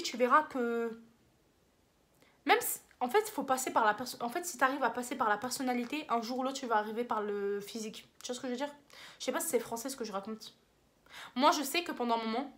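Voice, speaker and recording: A woman's voice: fairly high pitch, fairly bright tone. A young woman with a French accent giving casual advice in a vlog, rambling and slangy, often laughing at herself. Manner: rambling, slangy, self-mocking. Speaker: vlogger.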